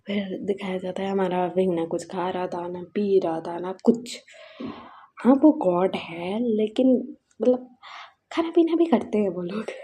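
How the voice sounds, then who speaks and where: A woman casually retelling a fan story as storyteller, in a chatty way that drops to a whisper at tense moments, with a husky voice. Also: medium pitch, dark tone.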